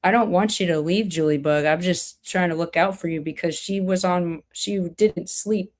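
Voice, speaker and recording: A woman's voice: on the low side, moderate pace. A woman hosting a live stream, chatting casually and rambling with lots of restarts and fillers. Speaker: stream host.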